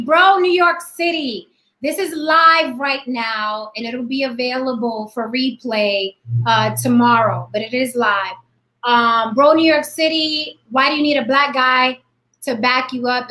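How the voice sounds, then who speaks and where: Host type: woman in her 40s, brash and blunt, high bright voice, webcam in an echoey room. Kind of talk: live online panel talk.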